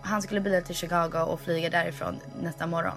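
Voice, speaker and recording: Young woman, animated storyteller, casual chat, code-switching, faint music bed. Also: lowish voice. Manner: animated storytelling mixing Swedish and English.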